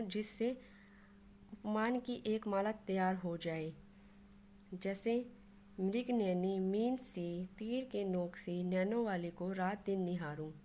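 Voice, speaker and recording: A woman's voice: medium pitch, a little mellow, a little hiss or hum. A woman explaining a Hindi grammar lesson, working through examples step by step and mixing English words into her Hindi.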